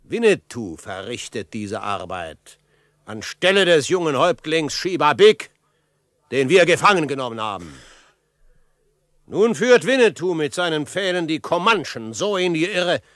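Commanding, higher-voiced frontier hero, Old Shatterhand. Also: male voice, sing-song, a little slow, a bit bright, no room sound, studio quality. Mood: proud, threatening. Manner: commanding, declamatory, formal. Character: bold, self-assured frontiersman and honorary chief. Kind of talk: German radio drama acting.

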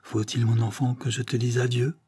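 A man's voice: medium pitch, flat delivery, normal speed, dark tone, husky, no echo, lightly acted. A man voicing a grieving, proud older noblewoman in a French novel read aloud, speaking with solemn dignity. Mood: tender.

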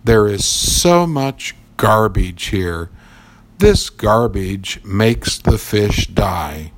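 A man's voice: fairly low pitch, animated. A man voicing a very old, sorrowful male turtle in a storybook reading. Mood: sad. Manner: sad, slow, grave.

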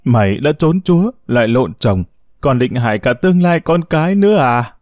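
A man voicing a furious, desperate old grandmother who speaks in broken, shouted bursts. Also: medium pitch, expressive, normal speed, no echo, clean studio sound, natural voice. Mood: scolding.

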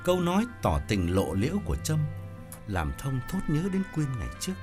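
A male storyteller reading an audiobook with expressive delivery. His pitch rises and falls very freely around a middle register. Gentle music sits faintly behind his voice. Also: a little fast. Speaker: narrator.

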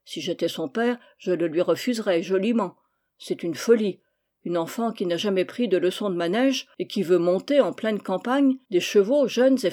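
A woman's voice: mid-range voice, mellow, lightly acted. A woman voicing an exasperated young male tutor. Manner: grumbling, reasoned, lecturing.

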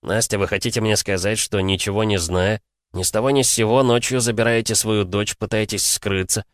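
A man's voice: lowish voice, steady tone, fairly quick, dry recording, studio quality, close to an everyday voice. A man reading an audiobook, voicing a sly, pressing middle-aged investigator. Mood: insistent. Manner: persuasive, pressing. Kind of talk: audiobook character voice.

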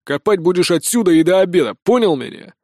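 A man's voice: high voice, expressive, fast talker, dark tone, dry recording, studio quality. A man voicing a sly, smug army sergeant in an audiobook, barking his lines. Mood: commanding.

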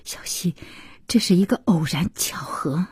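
A woman reading the part of an anxious young husband who pleads quietly with his wife. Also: fairly low pitch, lively intonation, unhurried, slightly rough, dry recording, whispered, studio quality, full character voice. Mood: pleading.

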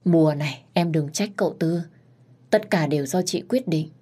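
Woman voicing a gentle, resigned young woman. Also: deep voice, normal speed, breathy edge. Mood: subdued.

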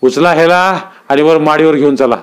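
A man's voice: fairly high pitch, moderate pace, clean tone, natural voice. A man putting on a brutal, bullying village strongman. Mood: menacing. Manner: harsh, bullying shouts. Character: domineering village strongman, middle-aged, brutal and menacing.

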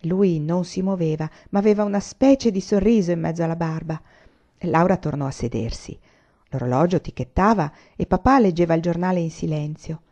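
Low, mellow woman reading a novel. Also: a little fast. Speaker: audiobook reader.

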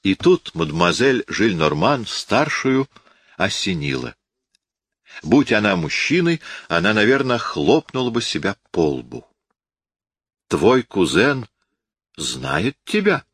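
A man narrating a classic novel as an audiobook in a measured, unhurried way. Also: on the low side, big pitch swings, fairly bright tone, no echo, studio quality.

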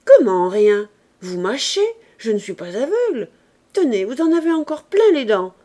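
A woman voicing a stout, imperious bourgeois mother who scolds and accuses her maid in loud, raised outbursts, in an audiobook reading of a novel. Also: on the high side, very animated, brisk. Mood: scolding.

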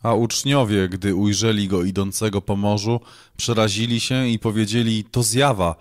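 A man with a fairly low voice reads scripture aloud. His delivery is measured and solemn, every verse paced as a formal reading. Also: little pitch movement. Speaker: scripture reader.

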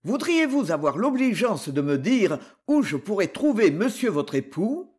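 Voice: mid-range voice, sing-song, darkish tone. A reader putting on a haughty indignant nobleman. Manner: haughty, quick to outrage. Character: proud indignant nobleman, adult man. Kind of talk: audiobook character voice.

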